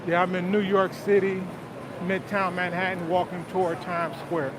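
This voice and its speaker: Walking outdoors through busy city streets with his phone in hand, a Detroit, Michigan livestream host with a Southern US accent chats easily with his viewers. He speaks at normal speed in a high-sitting voice, responding to comments and saying "man" a lot. Traffic and crowd sounds fill the background.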